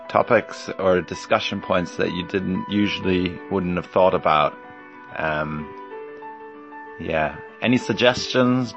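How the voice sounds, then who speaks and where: A German man in his forties hosts a solo podcast, rambling hesitantly with plenty of "um"s and "yeah"s. His voice is low yet fairly bright, captured on a lo-fi recording.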